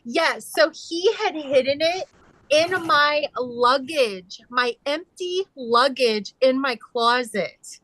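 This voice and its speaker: A woman's voice: high-pitched, takes it slowly, fairly bright tone, no echo, low-quality recording. A middle-aged woman chatting casually on a video call, telling rambling stories full of fillers and restarts. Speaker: quilter sharing her sewing. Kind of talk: casual chat.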